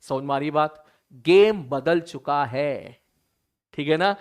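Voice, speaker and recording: A man teaching an online physics lesson, talking casually to students, often checking whether they follow and slowing right down to stress key sentences. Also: a little high.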